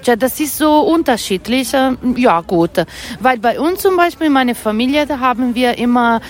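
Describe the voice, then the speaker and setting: A woman's voice: high voice, expressive, normal speed. A woman from northern Italy with an Italian accent and Italian as her first language, interviewed at an outdoor Christmas market stall, often searching for her German words. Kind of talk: casual interview.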